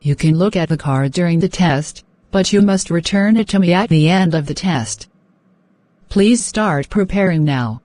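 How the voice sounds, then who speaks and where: A woman's voice: on the low side, moderate pace, darkish tone, no room sound. A woman working as a speaking test examiner, reading out scripted questions and instructions in a polite, formal way.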